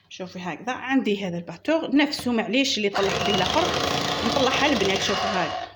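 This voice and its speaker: A woman with a medium-pitched voice and an Algerian Arabic accent hosts a home baking channel, guiding viewers step by step in a casual tutorial as if talking to friends. Chatty and instructive, she calls her audience "girls." The recording is very noisy, with music clearly audible behind her.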